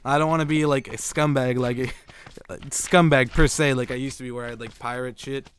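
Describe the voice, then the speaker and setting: Fairly quick and steady, with a bright, medium-pitched voice, a man who makes gaming videos recounts a humorous story from his childhood. He meanders along, peppering it with "like" and profanity, and cracks up at his own jokes over slight background noise.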